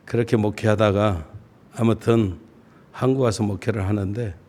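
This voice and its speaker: A middle-aged man preaching a sermon as a pastor, folksy and self-deprecating, with slow deliberate phrasing that rises on key words. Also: on the low side, fairly even intonation, mellow. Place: church sanctuary.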